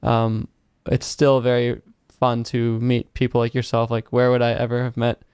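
A man hosting an interview, speaking in a relaxed, thoughtful way with frequent fillers. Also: medium pitch, normal speed, clear, resonant tone, no echo, studio quality. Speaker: interview host. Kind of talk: casual interview chat.

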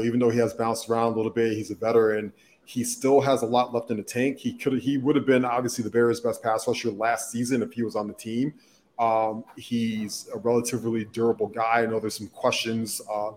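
A man filling in as co-host on a football talk show, setting up questions and giving measured opinions in casual talk. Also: medium pitch, a little mellow, a little hiss or hum. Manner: asks questions, then gives measured opinions. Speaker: substitute co-host.

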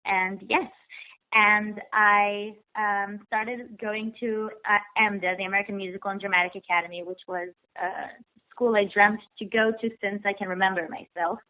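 A woman's voice: mid-range voice, fairly even intonation, normal speed. Woman heard over a tinny phone line. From Israel. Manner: eager, repeats words for emphasis. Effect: heard over a telephone line. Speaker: guest actress. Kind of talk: phone interview.

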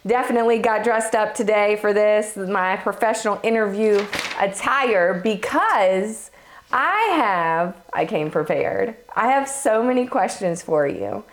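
A woman hosting a casual podcast, her voice a little hoarse from a cold, chatty and quick to laugh. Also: mid-range voice, expressive. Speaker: podcast host. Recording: roomy echo.

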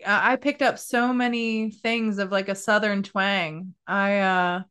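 A woman from Maryland hosting a podcast, chatting casually and warmly over a video call, often restarting her sentences. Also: medium pitch, steady tone, clean tone. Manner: chatty, friendly, with halting restarts. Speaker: podcast host. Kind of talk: casual chat.

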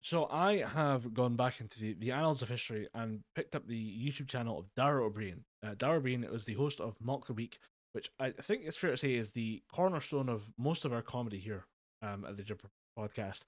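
Brisk and mid-range, the voice belongs to a young Scottish podcast co-host, with no room sound on the recording. Speaking through a home mic on a voice call, he chats casually, telling meandering stories laced with swearing and laughs.

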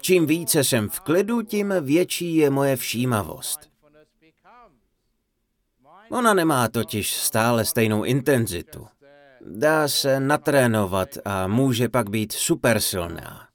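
A man delivers a humorous dharma talk as a playful storyteller. His pitch sits in an ordinary middle range, but it swings widely and expressively from line to line. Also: sing-song. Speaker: Czech voice-over of a Buddhist teacher's talk.

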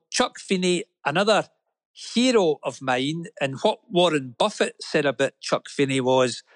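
A man's voice: a little high, no echo. A man co-hosting a business talk radio show, telling stories in an earnest, admiring way. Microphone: studio microphone.

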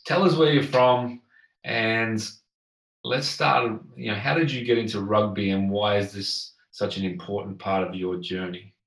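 Echoey, lowish-voiced male podcast host. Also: steady tone, unhurried, fairly bright tone. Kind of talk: conversational interview. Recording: roomy echo.

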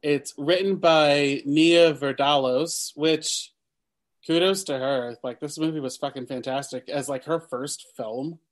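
A man's voice: fairly high pitch, fairly even intonation, unhurried. Casual podcast host man, stumbling. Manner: stumbles over names and laughs them off. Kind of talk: casual chat.

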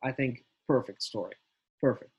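A man co-hosting a casual football chat, animated and slangy, often talking over his partner. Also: medium pitch, moderate pace, lo-fi sound. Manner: animated, swears, says "bro", talks over his partner. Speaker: podcast co-host.

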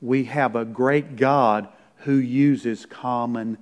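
A middle-aged pastor preaching a sermon. He reads scripture out loud with force, drops into quiet, low asides, and often checks in with his listeners with a "right?". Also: fairly even intonation, takes it slowly. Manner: conversational, often tags lines with "right?". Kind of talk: sermon with Bible reading.

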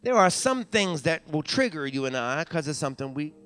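In a church sanctuary during a live service, a young American pastor preaches with a high, bright, forceful voice over soft music, a little fast and sing-song. He calls out to the congregation, says hallelujah often, and repeats phrases for emphasis as he climbs to raised climaxes.

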